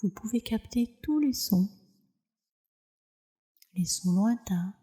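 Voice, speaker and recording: Guiding a relaxation practice, this woman, a yoga nidra teacher and meditation guide, sounds deeply mellow, warm, and expressive at a medium pitch. Her voice is soft and soothing, and she takes her time with slow, measured phrases that trail off on a breath.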